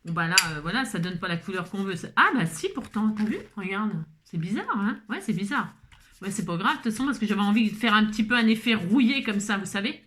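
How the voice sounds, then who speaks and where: A woman's voice: medium pitch, expressive, fast talker, a bit bright. A woman with a French accent hosting a casual card-making video. She talks while she works, thinking aloud with lots of fillers and jokes at her own expense. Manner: chatty, self-mocking, thinks aloud with many fillers. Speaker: craft video host. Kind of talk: casual crafting demonstration.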